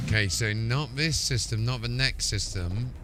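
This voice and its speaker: A man with a mid-range voice, speaking at normal speed, hosts a gaming livestream and chats in a casual, rambling, informal way. Music plays behind his voice throughout.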